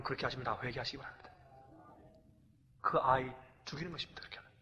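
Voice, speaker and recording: A middle-aged man preaching as a pastor, animated, swinging from loud exclamations to hushed confession. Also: mid-range voice, dull audio. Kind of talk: emotional sermon with acted anecdotes. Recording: long hall reverb.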